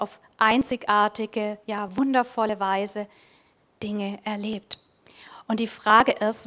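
A woman giving a reflective Christmas devotional, speaking directly to the listener and at times dropping to a soft near-whisper. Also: medium pitch. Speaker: preacher.

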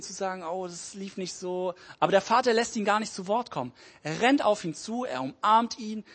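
Husky-voiced man telling a sermon story. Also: sits high. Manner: animated storytelling, shifting between loud and hushed. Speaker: preacher. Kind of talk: sermon retelling a parable.

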